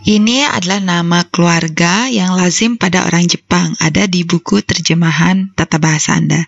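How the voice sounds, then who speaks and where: A woman teaching a recorded language grammar lesson, explaining slowly and carefully step by step. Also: on the low side, steady tone, gravelly, no echo. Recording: dull lo-fi voice-over.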